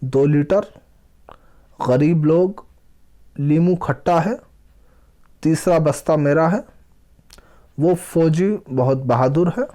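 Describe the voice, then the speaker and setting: A man with a slightly high, mellow voice teaches a children's language lesson. He reads aloud and explains, pausing deliberately and repeating words and phrases.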